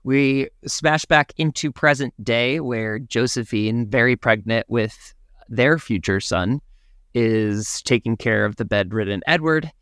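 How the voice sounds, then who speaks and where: A man co-hosting a podcast, narrating a film's plot in a playful, animated way with jokes along the way. His voice sits in a middle register, and the recording is dry and close. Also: mid-range voice, measured pace, clear, resonant tone, no echo. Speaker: podcast co-host. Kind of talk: casual film recap chat.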